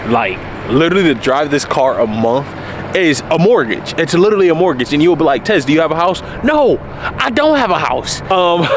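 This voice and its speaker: Laid-back young man outdoors. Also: medium pitch. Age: early 20s. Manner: candid, laid-back, repeats himself for emphasis. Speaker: car vlogger. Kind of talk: casual talk to camera. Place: outdoors by his car in cold weather. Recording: outdoor noise behind the voice.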